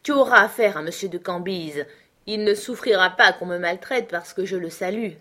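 A woman's voice: medium pitch, moderate pace, a bit bright, lightly acted. A woman reading the part of a cowardly middle-aged male doctor who fawns and pleads. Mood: indignant. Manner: obsequious, pleading.

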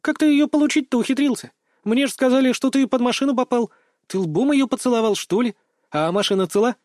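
A bubbly, teasing teenage schoolgirl, as a male narrator puts her on, lifted high above his own voice. She fires off questions in a bright, playful rush. The recording is close and dry. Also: no echo. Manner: teasing, rapid-fire questions. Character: chatty cheeky teenage schoolgirl.

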